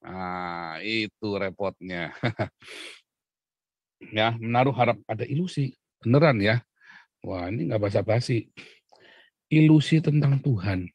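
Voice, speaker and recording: A man preaching a conversational devotional sermon, often asking his listeners questions, clearing his throat and chuckling. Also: on the low side, unhurried, long pauses, darkish tone, no room sound, muffled recording.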